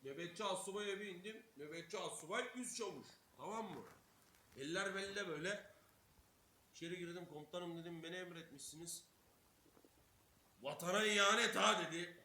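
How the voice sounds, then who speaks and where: A man's voice: high-pitched, fairly quick, bright, forceful tone. A young man from Turkey telling a story casually as a streamer, swearing a lot and acting out every quoted line. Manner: swears constantly, acts out quotes, laughs while telling. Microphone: streaming mic. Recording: echoey room with faint hiss.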